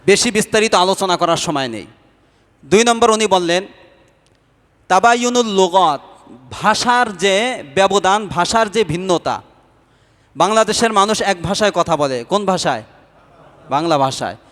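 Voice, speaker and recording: A man with a high voice preaches a sermon, and the sound rings with the long reverb of a large hall. He keeps putting questions to his listeners and then answering them himself. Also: lively intonation, a little slow, long pauses, a bit bright. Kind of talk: Islamic sermon.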